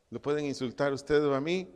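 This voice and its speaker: A man preaching a Bible-study sermon to a congregation, repeating key phrases slowly as if dictating notes and asking his listeners questions. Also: mid-range voice, darkish tone. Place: church hall, also streamed online. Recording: long hall reverb.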